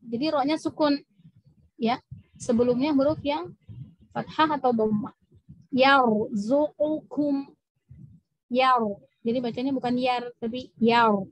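Speaking in a high, breathy voice, a woman leads a tajweed lesson for a mosque women's session, reciting examples. She patiently stretches out Arabic words to show how each sound works. The audio is dry and of poor quality.

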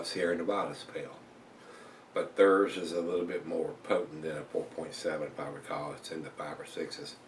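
An older man talks casually on camera as a beer reviewer, chatty and relaxed, with lots of fillers, filmed at home in a small room. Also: low voice, a little hiss or hum. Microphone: camera across the room. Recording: roomy and distant from the mic.

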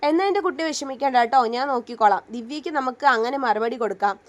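A woman's voice: sits high, lively intonation, very fast. A woman reading a firm protective young husband. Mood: tender.

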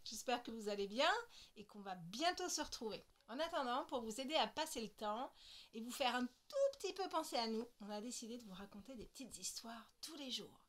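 A woman educator reading a picture book aloud to small children, expressive and sing-song. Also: a little high, fairly quick.

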